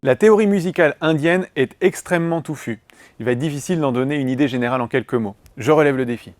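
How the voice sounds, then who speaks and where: A man with a slightly high voice narrates a scripted lesson on music history, clear and measured, going through items one at a time. There's no echo.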